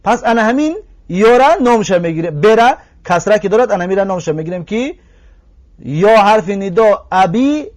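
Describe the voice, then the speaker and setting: A man with a Tajik Persian accent teaching a grammar lesson, drawing out each example word slowly and asking his listeners rhetorical questions. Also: high-pitched, animated. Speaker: language teacher.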